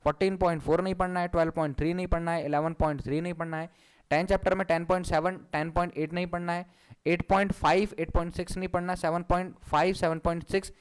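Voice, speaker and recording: A man's voice: sits high, level tone, fast talker, smooth. A man teaching an online class, walking viewers through a document and repeating his instructions again and again. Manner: repeats points over and over, instructing.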